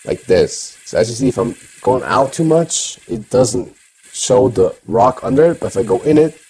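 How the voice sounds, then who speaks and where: A man's voice: mid-range voice, lively intonation, normal speed, a little mellow, slight background noise, low-quality recording. A man talking through a voice changer, giving a casual step-by-step game tutorial. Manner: plain instructing with filler "you know".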